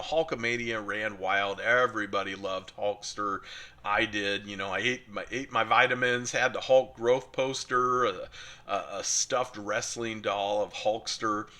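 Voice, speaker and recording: A man's voice: fairly low pitch, bright, forceful tone. A middle-aged man from the United States chatting casually and enthusiastically as he opens collector mail, with many fillers. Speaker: card collecting channel host. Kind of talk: casual unboxing chat.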